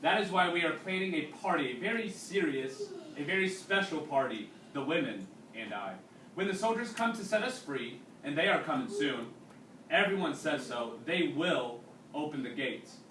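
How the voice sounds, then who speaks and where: A man's voice, a little high, animated, bright, and forceful, reads a story aloud in an explanatory teacher's style. He breaks off to question his young listeners. The recording is roomy and distant, with faint noise.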